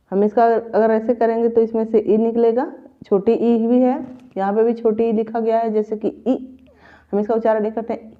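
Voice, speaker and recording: A woman teaching a grammar lesson for exam preparation, patiently repeating each example step by step. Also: on the high side. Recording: tinny phone-like audio.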